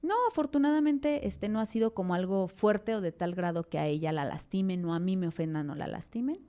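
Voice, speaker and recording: Talking fairly quickly in a warm, medium-pitched voice, a mother from Mexico is interviewed on a podcast. She recounts her story with animation, voicing dialogue and filling it with plenty of fillers, in a Mexican Spanish accent.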